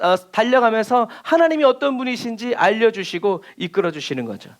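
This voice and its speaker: A male pastor giving a sermon at a prayer meeting in church, emphatic and full of rhetorical questions. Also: sits high.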